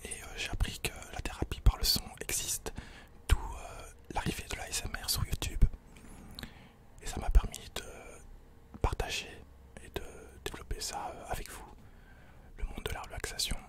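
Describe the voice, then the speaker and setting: In a small attic room, a man from Belgium takes questions in a breathy ASMR whisper. He takes his time and stays close to his desk condenser microphone.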